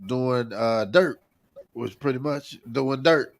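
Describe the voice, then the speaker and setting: A man with an ordinary middle-pitched voice talks through ideas slowly on a podcast. He stops and restarts often, reaching for words as he reasons things out. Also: vocal fry. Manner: thoughtful, halting, lots of uh and restarts. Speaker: podcast co-host. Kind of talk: casual podcast conversation.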